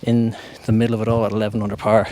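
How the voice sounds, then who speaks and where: A man's voice: on the low side, monotone, racing, warm tone, a little hiss or hum. A man doing casual live golf commentary as a commentator, in a conversational, loosely phrased way.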